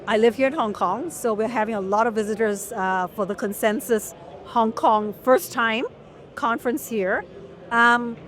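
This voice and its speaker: A middle-aged woman from Malaysia, a journalist being interviewed, telling her story in an articulate, measured way. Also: on the high side, fairly bright tone. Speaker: guest journalist. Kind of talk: long-form interview.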